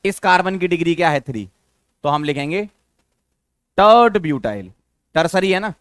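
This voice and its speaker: A man's voice: a little high, animated, moderate pace, a bit bright, no room sound, studio quality. A man teaching a chemistry lesson, coaxing his students with questions and repeating the key terms. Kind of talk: classroom lecture.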